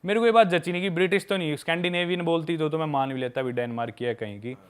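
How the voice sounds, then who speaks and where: A young man tells travel stories in a loose, candid podcast chat, talking to the listener like a friend. His voice sits a little high and comes across smooth and clear. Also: fast. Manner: candid storytelling, calls listeners "bhai".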